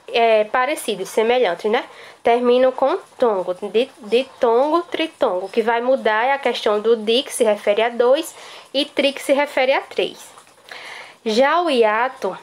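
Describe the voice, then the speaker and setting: A middle-aged woman teaches a recorded lesson to young pupils. Her voice sits a little high, and she explains patiently and methodically, restating each point and checking that the class follows.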